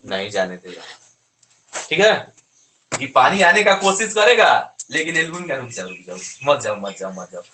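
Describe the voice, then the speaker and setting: A man with a fairly high, bright, forceful voice teaches a class, asking questions and answering them himself. The sound is roomy, with clear echo. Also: a little hiss or hum. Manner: asks and answers his own questions. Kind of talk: classroom lecture. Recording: echoey room.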